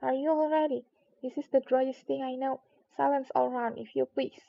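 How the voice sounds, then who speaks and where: Woman reading as a pompous little storybook mouse, flat delivery. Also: sits high, moderate pace, creaky, highs cut off. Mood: bossy. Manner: pompous, commanding. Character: self-important, easily crossed storybook mouse lecturing others.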